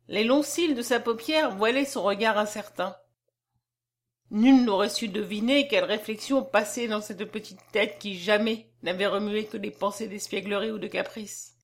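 A woman narrating a classic novel as an audiobook, with a measured, expressive reading. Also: mid-range voice.

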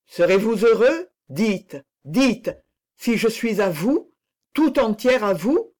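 Reader doing a pleading noblewoman, slow, fervent, offering her love. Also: medium pitch, sing-song, a little mellow, voice pushed up.

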